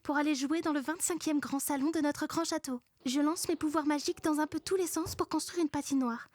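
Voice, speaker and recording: A woman's voice: sits high, steady tone, brisk, darkish tone. A woman narrating a comic first-person story in a casual, slangy, sarcastic way. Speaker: narrator of a comedic story parody.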